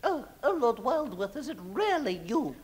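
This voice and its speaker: An actress playing a gushing, haughty mother in a Wilde parody stage comedy, with theatrical drawn-out exclamations. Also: a little high, sing-song, a little mellow. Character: grand, gushing, haughty society lady, a domineering mother.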